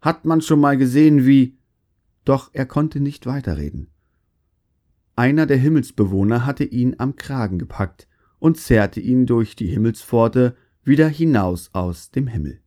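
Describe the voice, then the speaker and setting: A man narrating a fairy tale in a calm, even storytelling manner. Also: mid-range voice, measured pace.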